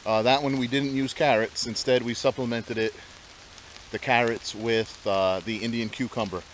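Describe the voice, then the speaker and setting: A man's voice: mid-range voice, fairly even intonation, normal speed, poor audio. Chatty man in a rainy forest. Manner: easygoing, chatty, trailing off with fillers. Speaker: outdoor vlogger. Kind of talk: casual outdoor vlog talk. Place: forest campsite outdoors in rain. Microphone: action camera held close. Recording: rain noise in background.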